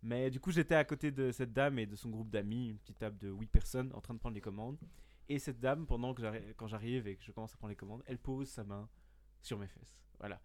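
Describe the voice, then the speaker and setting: A man's voice: mid-range voice, fast. Young man telling a story with fillers. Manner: hesitant, lots of fillers and self-mocking asides. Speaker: podcast guest. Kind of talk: casual storytelling chat.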